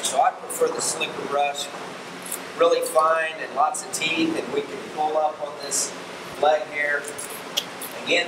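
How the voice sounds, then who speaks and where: Captured from far off by a camera mic, the sound is echoey and carries an air conditioning hum, since this tutorial takes place in a large indoor barn arena. The speaker is a middle-aged show judge and livestock fitting instructor with a medium-pitched voice. He walks through grooming a goat for show at an easy pace, full of ums and restarts.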